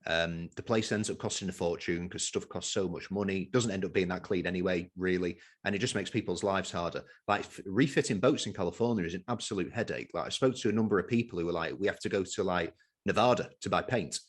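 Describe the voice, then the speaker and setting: A man's voice: low voice, fast, few pauses. A man hosting a podcast, chatting in an easygoing way with loose sentences and lots of fillers. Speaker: podcast host. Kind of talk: casual chat.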